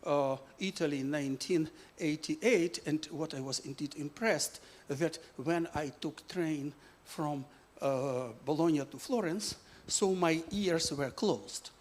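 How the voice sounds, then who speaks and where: A man from Ukraine, presenting his physics book in halting full of "uh" fillers. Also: fairly high pitch. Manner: halting non-native English with many "uh" fillers.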